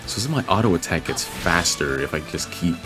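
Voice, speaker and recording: Over music, a young man with a deep, animated voice talks a little fast. He's a gaming video creator doing casual let's-play commentary, rambling to himself and swearing freely as he plays.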